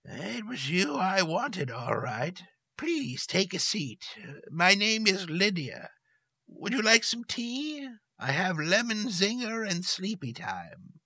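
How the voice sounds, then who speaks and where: A man voicing a calm, stern old woman who talks in a slow, firm and deliberate way. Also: high-pitched, no echo, pitched above the performer's own voice, heavily acted. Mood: hospitable.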